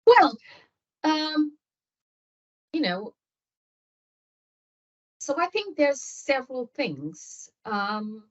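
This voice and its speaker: A woman's voice: high-pitched, big pitch swings, drawn-out words, long pauses. A woman guest on a nursing podcast whose first language is Portuguese, answering at length with many fillers and restarts. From Angola. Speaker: nurse guest. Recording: slightly dull lo-fi audio.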